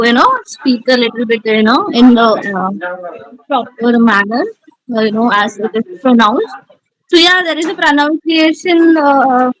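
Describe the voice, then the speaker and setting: A woman's voice: high voice, low-quality recording. A woman with an Indian English accent, a communication skills trainer giving feedback in an online class, encouraging and full of "you know" fillers.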